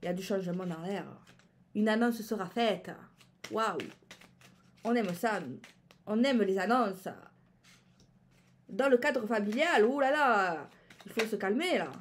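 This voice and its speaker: A woman's voice: medium pitch, measured pace, pauses often, slight background noise. A woman giving a casual tarot reading, chatting and musing aloud with repeated phrases and fillers. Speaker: tarot card reader.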